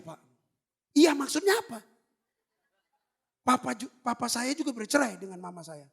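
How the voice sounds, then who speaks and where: High-pitched, gravelly man preaching. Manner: animated storytelling, acting out both sides of a dialogue; rises to near shouts at climaxes. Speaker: pastor. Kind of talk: sermon with acted-out anecdote. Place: church.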